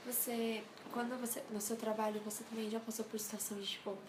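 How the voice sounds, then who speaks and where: A woman interviewing someone, soft-spoken, with brief reactions and short questions. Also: fairly high pitch, little pitch movement, fast talker, background noise. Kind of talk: casual interview.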